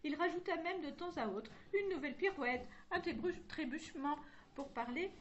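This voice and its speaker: A woman reads a chapter of a children's novel at a normal pace, her high voice expressive as she takes each character in turn in one voice. She makes the odd slip and restarts. The highs are cut off and there's slight background noise.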